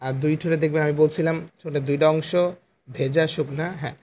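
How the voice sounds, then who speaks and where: A man's voice: on the high side, level tone, a little mellow, a little hiss or hum. Patient male Quran teacher on a phone. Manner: patient, repeats letter sounds slowly for students. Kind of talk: online lesson on letter articulation.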